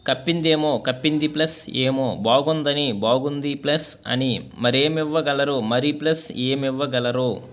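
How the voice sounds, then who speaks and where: A male teacher works through a school lesson's exercises. He reads each question and its answer in an even, measured rhythm, at a middle pitch for a man.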